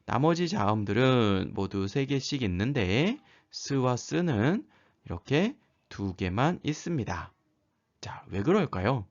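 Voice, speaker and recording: A man's voice: mid-range voice, big pitch swings, unhurried, dull audio. A man teaching a grammar lesson, patiently explaining and drawing out example sounds one at a time. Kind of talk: grammar lecture.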